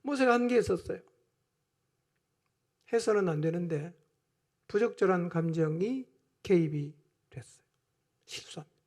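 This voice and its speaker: A male pastor preaching a sermon in a church, swinging between hushed asides and loud, emphatic outbursts. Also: sits high, animated, normal speed, long pauses.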